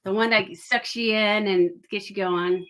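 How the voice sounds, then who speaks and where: A middle-aged woman with a Texas accent chatting casually, her R's and W's blurring together so R's come out soft and w-like. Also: mid-range voice, fairly even intonation, measured pace. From Texas, United States. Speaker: guest, author and audiobook voice actor. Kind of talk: casual chat.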